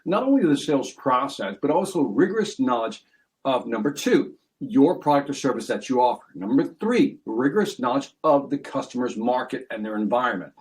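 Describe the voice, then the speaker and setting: A man hosts a sales podcast interview in a loose, chatty style, often restarting sentences and setting out his points as a numbered list. His voice is medium-pitched and a bit mellow, with lively intonation and a fairly quick pace.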